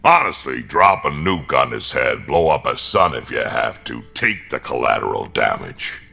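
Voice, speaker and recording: A battle-hardened male alien warrior from a video game speaks in a very deep, gravelly voice with a hard, forceful edge, blunt and ruthless as he clips his words like a soldier. His delivery is sing-song, heavily acted and moderately paced, with a grim, ruthless mood.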